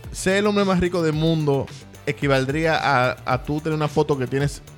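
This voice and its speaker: A man's voice: on the high side, moderate pace, faint music behind. A man in a casual podcast chat, explaining things by example as a co-host.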